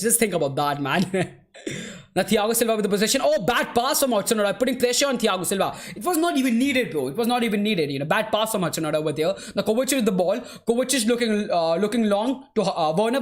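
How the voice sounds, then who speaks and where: A man hosts a live football watchalong. He calls the play in a relaxed, chatty way, and his talk is full of "bro" and "man". He answers his viewers with an easy laugh. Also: high voice, quick pace. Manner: laughs easily while answering chat. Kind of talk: live match commentary and chat replies.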